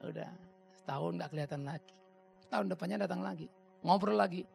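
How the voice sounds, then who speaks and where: Animated, fast-talking high-voiced pastor man. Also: creaky. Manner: blunt, animated storytelling with mimicked dialogue. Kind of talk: sermon Q&A, anecdotal. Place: church hall.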